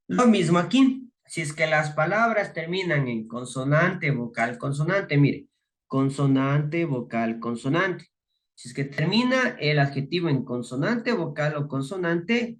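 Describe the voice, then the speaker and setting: Male teacher, unhurried, patiently spelling out rules. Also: mid-range voice, fairly bright tone. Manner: slow, methodical, repeats rules step by step. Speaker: English teacher. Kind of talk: slow classroom explanation.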